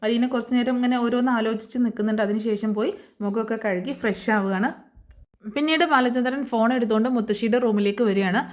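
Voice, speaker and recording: Fast-talking woman recapping a serial. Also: fairly high pitch, steady tone. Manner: chatty, adds friendly tag words to sentences. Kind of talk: casual retelling of a TV serial episode.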